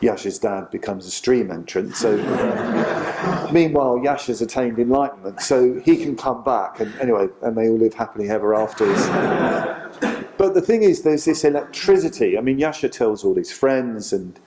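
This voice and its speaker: A male Buddhist teacher giving a retreat talk, telling a story in an animated way with frequent fillers. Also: medium pitch, moderate pace, very noisy. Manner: animated storytelling with many "you know" fillers.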